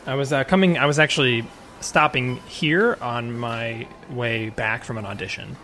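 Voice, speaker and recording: A man's voice: mid-range voice, fairly even intonation, moderate pace, bright, forceful tone, soft background music, lightly acted. A man playing an awkward, defensive would-be children's actor who rambles and over-explains in an improvised comedy scene. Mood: flustered.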